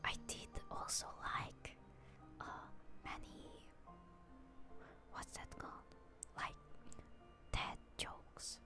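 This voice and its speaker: On her ASMR stream, a young VTuber from Hungary chats with viewers in a soft, slow whisper. Music plays behind her.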